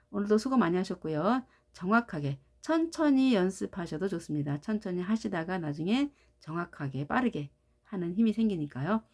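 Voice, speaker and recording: A woman teaching English pronunciation in a phonics lesson, modeling each word patiently and clearly. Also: lowish voice, darkish tone. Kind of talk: slow-paced phonics lesson.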